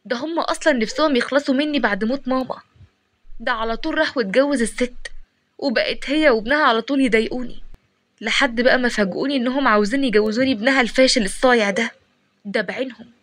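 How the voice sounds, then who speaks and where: A young Egyptian orphaned woman pleads and complains bitterly, voiced by a woman narrating a story. Her speech comes quickly and sits somewhat high. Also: a bit bright. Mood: distressed. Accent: Egyptian Arabic.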